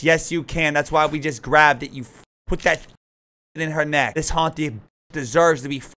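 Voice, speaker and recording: Jumpy, high-pitched scared horror game streamer guy. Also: fairly even intonation, normal speed, bright, forceful tone. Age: young adult. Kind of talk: excitable live game commentary.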